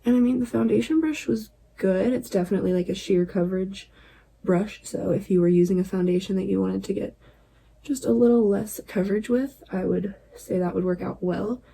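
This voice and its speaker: Woman, makeup vlogger, relaxed chatty tone, near-whispered asides, gravelly, mellow low tone. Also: brisk, a little hiss or hum, rough recording. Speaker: beauty vlogger. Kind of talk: casual makeup tutorial chat. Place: at home at night.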